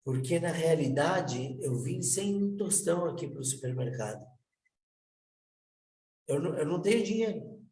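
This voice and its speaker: A man's voice: fairly high pitch, animated, normal speed, pauses often, warm tone, echoey room. A man voicing a poor, faithful man moved to tears, speaking in an earnest, fervent way.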